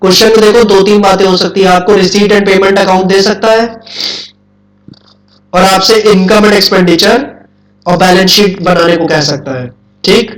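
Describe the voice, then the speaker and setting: A high-voiced man lectures an accounts class, firing questions at his students and repeating the key points. He is recorded from far off in an echoey classroom. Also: fairly even intonation, moderate pace. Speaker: accounts teacher.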